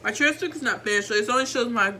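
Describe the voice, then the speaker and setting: A woman's voice: on the high side, fast, bright, forceful tone, slight background noise. A teenage girl vlogging about her school credits and grades in a rambling, chatty, self-mocking way. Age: teens. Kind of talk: casual chat. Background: faint background music.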